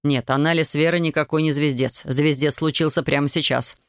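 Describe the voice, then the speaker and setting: A man narrates a first-person audiobook in a measured, brooding tone. His voice sits fairly high for a man. The recording is dry and close-miked. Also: fairly even intonation, smooth, dry recording.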